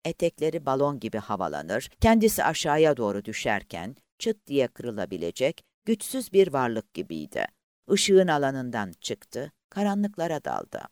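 A man reading a novel aloud as an audiobook narrator, with a dramatic, highly varied delivery. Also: huge pitch swings, normal speed, a little mellow, no echo, studio quality.

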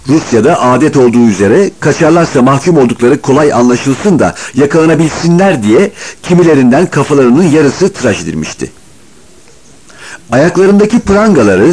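A man narrating an audiobook with expressive, varied storytelling and a husky voice. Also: medium pitch.

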